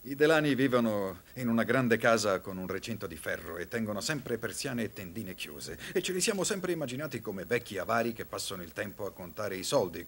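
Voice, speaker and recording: A man's voice: lowish voice, fairly bright tone, husky, heavily acted. An actor dubbing an earnest, shy middle-aged male soda clerk into Italian, telling a long story in a rambling, eager manner. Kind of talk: dubbed film dialogue.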